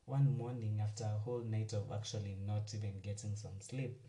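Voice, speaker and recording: A man, hosting a casual solo podcast, chatty and rambling as he talks warmly to his listeners. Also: lowish voice, fairly even intonation, a little fast. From Kenya. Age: 20s. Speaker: podcast host. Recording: roomy, distant mic, faint music.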